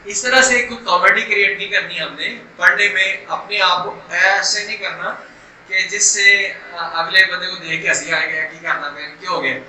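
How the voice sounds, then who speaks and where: A middle-aged man, teaching Quran recitation and stretching sounds slowly to demonstrate them. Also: high-pitched, steady tone, sharp tone. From Pakistan. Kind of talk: recitation lesson. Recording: echoey room, distant mic, faint noise.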